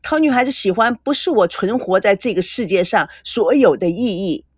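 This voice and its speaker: A woman's voice: medium pitch, expressive, normal speed, slightly rough, no echo, studio quality. A woman voicing an exasperated young man in an audio story, curt and irritated.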